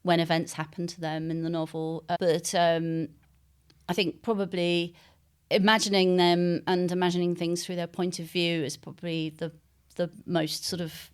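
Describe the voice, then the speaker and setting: A woman novelist gives an interview in a fairly low, clear, resonant voice, speaking thoughtfully and conversationally and often pausing as she searches for words.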